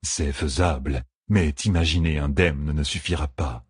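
A man voicing a calm, cruel male hunter who speaks with unhurried menace in a fantasy audiobook. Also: a bass voice, slightly rough, dry recording, studio quality, heavily acted. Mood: cold menace.

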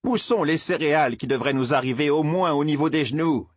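A man voicing a cranky, indignant old male roofer who scolds and shouts, in an audiobook. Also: on the high side, fairly quick, husky, no room sound, clean studio sound, pitched above the performer's own voice. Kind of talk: audiobook character voice.

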